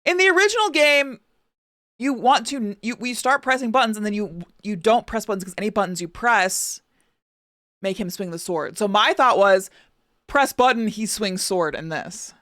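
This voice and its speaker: A young adult woman streamer reacting in casual chat, excitable and swearing freely. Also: mid-range voice, normal speed, dry recording, clean studio sound.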